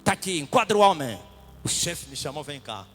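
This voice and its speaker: A man preaching a testimony sermon, swinging from loud shouted praise to hushed whispers. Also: on the high side, expressive, brisk, soft background music.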